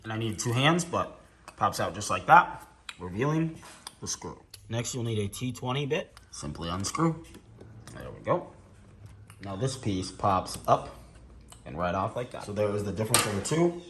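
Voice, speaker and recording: A man's voice: fairly low pitch, normal speed, a little hiss or hum. A man casually explaining a car part install step by step as he works, for a time with a lollipop in his mouth. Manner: talking while working with his hands, relaxed and matter-of-fact. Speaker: car owner doing an install video. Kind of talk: casual how-to narration.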